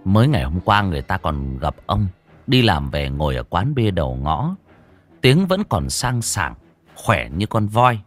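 A man narrating a ghost story in a dramatic, expressive storytelling manner. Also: sits low, a little slow, soft background music.

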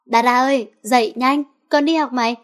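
A woman's voice: high-pitched, steady tone, moderate pace, close to an everyday voice. A woman voicing a cheeky teenage girl who plays pranks on her friends, teasing with feigned alarm.

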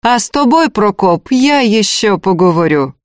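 A woman voicing a cruel female estate manager who sneers and barks orders in a shrill, cutting voice. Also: very animated, measured pace, dry recording, clean studio sound. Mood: shrill commanding.

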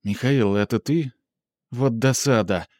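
A man reading aloud and voicing an anxious, devoted young woman, his voice lifted higher and urgent with worry. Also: measured pace, a little mellow, no echo, lightly acted. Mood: worried. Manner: raised, urgent, worried pleading.

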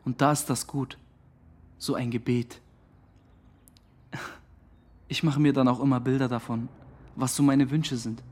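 An actor voices a slangy, earnest young adult man who feels hurt and defiant, delivering an interview monologue in a naturalistic German radio drama. His medium-pitched voice is flat, calm and plain-spoken, a little slow with long pauses, darkish and slightly rough.

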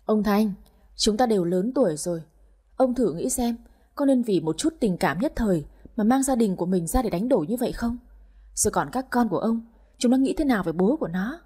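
Brief: woman doing a composed older wife, dark husky tone, steady rebukes. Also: mid-range voice. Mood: firm. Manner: calm, measured, firmly reproachful. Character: older wife, calm, firm and reproachful.

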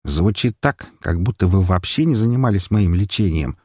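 A man's voice: sits low, animated, normal speed, darkish tone, no room sound, studio quality. A man voicing a blunt, commanding young male hero who speaks curtly and barks orders. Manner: curt, barking orders.

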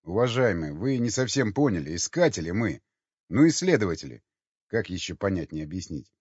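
A man's voice: low voice, sing-song, fairly quick, darkish tone, slightly rough, dry recording, full character voice. A man voicing a weary, blunt expedition leader who talks with sarcastic exasperation. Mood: exasperated. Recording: dull lo-fi dry recording.

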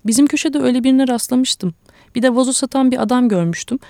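A woman reader voicing a curious, earnest little girl who asks polite, eager questions, in a slightly gravelly tone. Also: high-pitched, quick pace, dark tone, no room sound, studio quality, voice pushed up.

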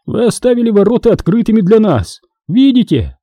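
A man's voice: sits high, very animated, brisk, warm tone, no room sound, voice pushed up. A man reading an audiobook, voicing a cruel, imperious male Sith lord who gives orders. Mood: commanding. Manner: imperious, commanding.

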